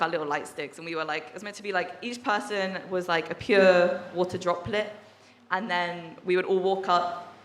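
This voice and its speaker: A young English woman, a workshop participant, shares a casual testimony at a church service, chatty, full of fillers and laughing often. Her mid-range voice has a fairly bright tone, and the hall sounds echoey.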